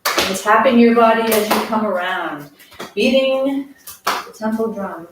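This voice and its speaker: A woman's voice: fairly high pitch, a little slow. A woman with a Maine accent leading a casual exercise class in an easygoing, chatty, encouraging way. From Maine, USA. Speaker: morning workout instructor. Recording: very echoey, distant mic, faint noise.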